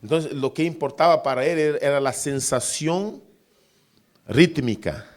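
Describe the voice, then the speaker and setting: Animated male preacher tapping out beats. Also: a little high, measured pace. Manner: animated, mimics beats with syllables and hums tunes; addresses listeners as brother. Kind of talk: sermon on worship music.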